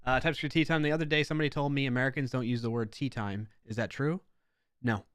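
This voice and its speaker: A man hosting a casual live coding stream, chatting with his viewers and wandering off on friendly tangents as he works. His voice sits at an ordinary middle pitch. The sound is close and dry. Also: steady tone, fast, fairly bright tone, smooth, no room sound. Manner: chatty, talks to chat, rambling asides. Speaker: livestream host.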